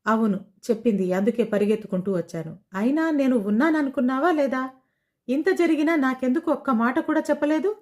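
A woman's voice: high voice, fairly quick, voice pushed up, lightly acted. A woman storyteller voicing a bold young woman who scolds her friend and then urges her to be brave. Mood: scolding. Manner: scolding, forceful, encouraging.

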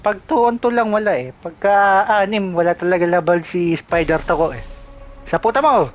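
Gamer commentator: man from the Philippines, excitable, laughs and swears, game music underneath. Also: high-pitched, fairly quick. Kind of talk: casual gameplay commentary.

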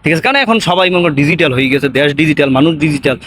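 A man's voice: on the high side, lively intonation, racing, noisy background. A young man from Barishal with a Barishal Bengali accent, chatting casually to camera in a rambling way, tacking on tag questions. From Patuakhali, Barishal, Bangladesh. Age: young adult. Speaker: vlogger.

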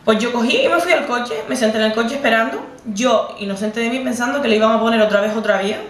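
A young Canarian woman tells a personal story straight to camera. Her voice sits a little high for a woman. She keeps circling back and repeating herself as feeling builds. The sound is roomy and set back from the mic. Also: fast talker, recorded from a distance. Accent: Canarian Spanish. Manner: emotional, repetitive, conversational retelling. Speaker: vlogger.

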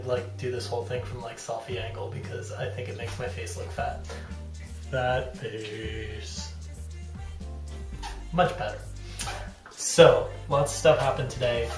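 This is a casual, rambling, self-deprecating vlog from a dad in his thirties, shot on a handheld camera at arm's length inside a small bathroom. The mid-range male voice sounds reverberant.

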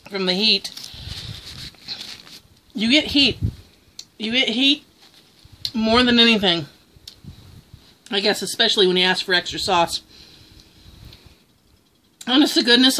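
A woman's voice: medium pitch, sharp tone, slight background noise. A woman chatting casually through a food review, exclaiming as she tastes.

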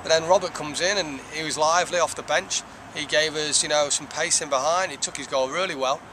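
A man in his thirties, a soccer head coach, giving a measured, reflective postgame interview outdoors, with lots of "you know". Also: on the high side. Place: outdoors by a stone wall. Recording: outdoor traffic noise.

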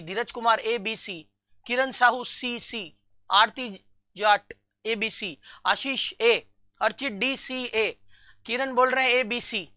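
A man teaching a live online class for nursing exam students. He reads out viewers' answers, calls them friends and repeats key terms slowly. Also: extremely high pitch, sharp tone, dry recording, studio quality.

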